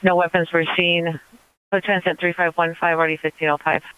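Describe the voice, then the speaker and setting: A man working as a police dispatcher, reading out call details in a flat, clipped way over a police radio transmission. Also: fairly high pitch, fairly quick, clear, resonant tone, no room sound. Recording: dry, narrow radio-band audio.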